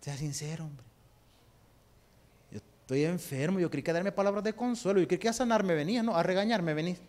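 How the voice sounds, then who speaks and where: A man's voice: high-pitched, brisk, a little mellow. A man with a Salvadoran accent preaching a sermon, putting rhetorical questions to the congregation and using homely examples. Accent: Salvadoran Spanish. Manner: rhetorical questions to the congregation, calling them brother.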